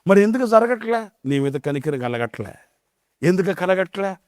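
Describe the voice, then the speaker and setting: A man's voice: high-pitched, sing-song, moderate pace, a little mellow, dry recording, studio quality. A middle-aged male pastor preaching a sermon, telling a story and firing off rhetorical questions.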